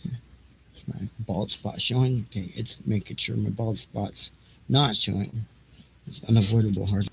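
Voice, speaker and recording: Hosting a homemade livestream, a middle-aged man with a lowish, gravelly and slightly bright voice talks unscripted, rambling and muttering half to himself as he adjusts his gear. The recording setup is noisy.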